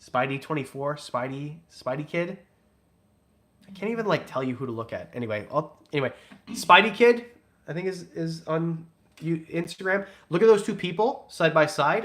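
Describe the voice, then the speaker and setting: A man's voice: a little high, lively intonation, a little fast, a bit bright. Rambling man reading donations. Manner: rambling, loose, jokey, with frequent restarts. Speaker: reptile breeder and channel host. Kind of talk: casual livestream chat reading donations.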